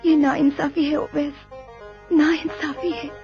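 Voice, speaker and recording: A woman's voice: high-pitched, little pitch movement, unhurried, dull audio, music in the background. A woman voicing a young woman who pleads with and reproaches a departing man in a dubbed film. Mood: reproachful. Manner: pleading, accusing. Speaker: voice actor in a film dub.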